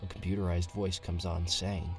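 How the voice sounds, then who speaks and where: An actor playing a nervous young male survivor, narrating an audio drama in the first person with tense, hushed storytelling. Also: low voice, little pitch movement, moderate pace, soft background music. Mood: uneasy.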